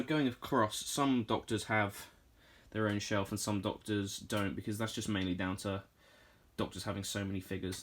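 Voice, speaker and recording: A British man in his twenties giving an off-the-cuff room tour in casual, enthusiastic, informal vlog chat. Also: fairly low pitch. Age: 20s. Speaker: collector hosting a room tour.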